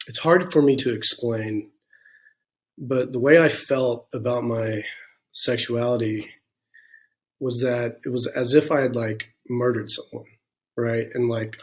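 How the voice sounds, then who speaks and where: A man in his forties, a guest in an interview, telling his own story frankly and reflectively, with plenty of "you know" and "um" along the way. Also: mid-range voice. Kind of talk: candid personal storytelling in a conversation.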